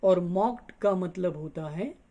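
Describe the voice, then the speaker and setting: A man's voice: sits high, dark tone, lo-fi sound. A male teacher, reading a story's lines aloud and explaining the words in Hindi. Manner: reads English lines slowly, then explains them in Hindi. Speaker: English teacher. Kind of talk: bilingual lesson explaining a story.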